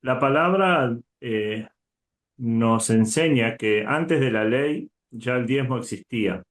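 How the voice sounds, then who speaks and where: A man's voice: medium pitch, slow pace. An earnest man teaches from scripture in a conversational way, checking in with his listener as he goes. His voice sits in the middle range. The room around him rings with a noticeable echo. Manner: earnest, frequent "¿verdad?" tags.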